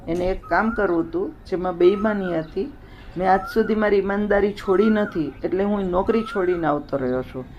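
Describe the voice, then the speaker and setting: A woman's voice: medium pitch, a little mellow, slight background noise, natural voice. A woman doing an earnest young man. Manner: earnest, indignant. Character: honest hardworking young man, proud.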